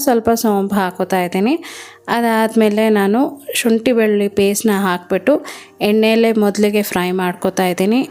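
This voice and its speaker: A woman's voice: medium pitch, a little mellow. A woman with a Kannada accent from Karnataka, casually talking through a home recipe step by step as a cooking vlogger. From Karnataka, India. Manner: chatty step-by-step explaining.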